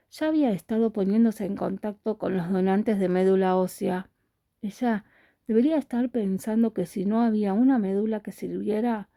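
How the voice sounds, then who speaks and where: Woman narrating a novel in a dark voice. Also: medium pitch, no room sound. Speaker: storyteller.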